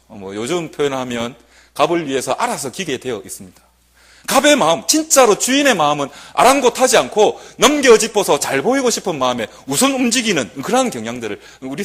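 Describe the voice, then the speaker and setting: High, lively-voiced young male preacher. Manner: dramatic, swings from loud proclamation to hushed asides. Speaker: junior pastor. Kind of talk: sermon. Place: church.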